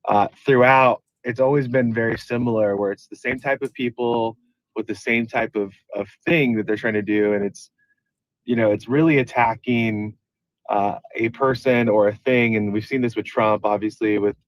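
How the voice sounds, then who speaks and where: A man's voice: medium pitch, fairly even intonation, normal speed, no room sound. A man calling in from his car over the speakerphone, talking earnestly and rambling with many restarts. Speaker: caller, activist organization leader. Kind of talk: casual call-in remarks. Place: driving in a car.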